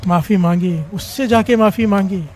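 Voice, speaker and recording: A man's voice: high voice, moderate pace, darkish tone, faint music behind. A man preaching a sermon, fervently leading the congregation in call-and-response chants. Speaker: preacher at a devotional gathering.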